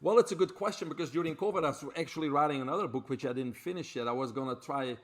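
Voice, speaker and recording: As a guest on a podcast interview, a middle-aged man from Belgium, a doctor and author, recounts his story fluently with lots of filler words and a Belgian accent. His voice sits on the high side, and he races along.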